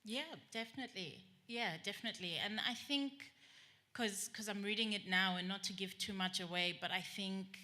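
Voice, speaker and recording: A woman's voice: medium pitch, moderate pace, bright, forceful tone. A young woman from South Africa, a writer on a panel, talking thoughtfully and repeating words as she thinks. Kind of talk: casual reflective chat.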